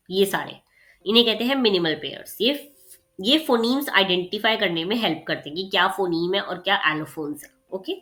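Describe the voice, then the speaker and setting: Woman teacher explaining with check-ins. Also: mid-range voice. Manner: frequent check-ins of "theek hai" and "okay", mixing English terms; gets faster and louder when excited while explaining. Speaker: exam revision teacher. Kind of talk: casual explanatory lecture.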